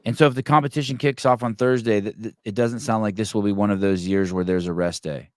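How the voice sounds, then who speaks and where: A man's voice: lowish voice, steady tone, fast talker, dry recording, studio quality. A man hosting a podcast in loose, casual interview chat, swearing freely and stammering on restarts. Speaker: podcast host.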